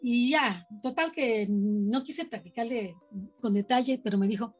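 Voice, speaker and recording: A woman's voice: on the high side, measured pace, breathy edge, muffled recording, faint music behind. A woman with a Mexican accent telling a personal story in casual chat, animatedly acting out the voices of people she quotes. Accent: Mexican Spanish. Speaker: podcast guest sharing paranormal experiences.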